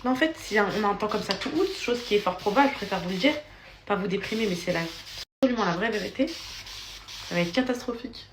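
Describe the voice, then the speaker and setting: A woman's voice: mid-range voice, animated, fast. A young woman talks into her phone at home in a loose, chatty way, now and then slipping into a sing-song voice for her babies. There is a faint hiss under the voice. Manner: chatty, switches into sing-song baby talk. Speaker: influencer filming her daily story. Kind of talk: casual vlog chat with baby talk to her children. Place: home, indoors.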